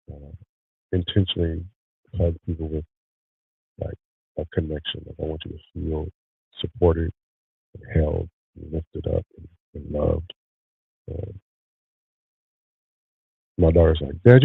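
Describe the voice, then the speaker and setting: A man's voice: rumbling low, creaky, breathy edge, no room sound, phone-quality sound. A man hosting a podcast in casual chat, congested and nasal, with a scratchy morning voice and a candid, rambling way of telling stories. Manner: candid, rambling, animated storyteller. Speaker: podcast host and content creator.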